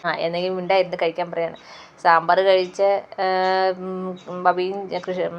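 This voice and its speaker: Woman recapper, low and level voice, rattles through the plot in a casual, rambling way. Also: monotone, moderate pace, highs cut off. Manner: rambling, with many fillers and repeated "she says" tags. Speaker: serial episode recapper. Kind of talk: casual spoken retelling of a TV serial episode.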